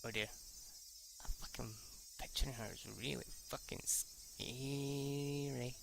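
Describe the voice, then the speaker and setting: A man with a mid-range, gravelly, slightly bright voice reads a visual novel aloud at a slow, steady pace, with a little hiss or hum in the background. He's an amateur let's player whose narration stumbles, rereads lines and restarts. When he reacts off the cuff, he swears casually.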